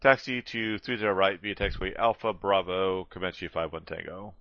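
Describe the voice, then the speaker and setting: Male pilot over the radio, lowish voice, dry muffled transmission, procedural readbacks. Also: steady tone, moderate pace, heavy background noise. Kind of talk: pilot over the radio, reading back clearances.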